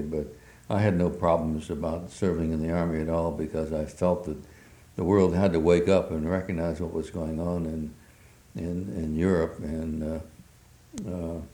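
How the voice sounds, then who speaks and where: An elderly man with a remarkably deep, mellow voice shares his memories for an oral history interview. His speech is halting, and he fills the gaps with frequent hesitations. The room sounds large and echoey.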